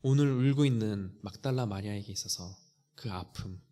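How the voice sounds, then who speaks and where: A man preaching a sermon earnestly, often dropping to a hushed, near-whispered voice when quoting. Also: fairly low pitch, normal speed. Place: church sanctuary. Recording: church hall reverb.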